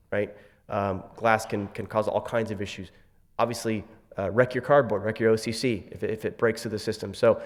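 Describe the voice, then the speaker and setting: A man giving a conference presentation in a casual way, with many fillers and wry asides. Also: medium pitch. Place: conference session room. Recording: long hall reverb.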